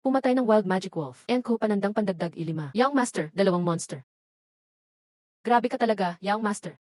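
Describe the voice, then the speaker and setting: A woman's voice: mid-range voice, animated, fairly quick, darkish tone, dry recording. A woman reading all the roles of a dubbed short drama in one voice.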